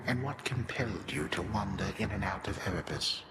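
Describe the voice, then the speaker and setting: An actor playing a mysterious, courteous old man shade in a video game, speaking slowly and with formal politeness. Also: on the low side, background noise, natural voice. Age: older. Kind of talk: video game character acting.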